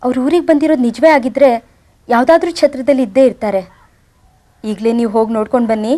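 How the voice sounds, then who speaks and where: An actress as Lalitha, earnest pleading wife. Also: female voice, high-pitched, fast talker, dark tone, natural voice. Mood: wistful. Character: devoted young wife pleading with her husband. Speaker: wife searching for her in-laws. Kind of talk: TV serial acting.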